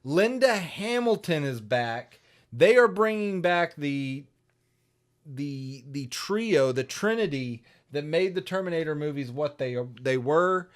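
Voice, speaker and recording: A man with a smooth, resonant, somewhat high voice co-hosting a casual podcast. He jokes around and talks in quick, enthusiastic bursts. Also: lively intonation. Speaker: podcast co-host and voice actor.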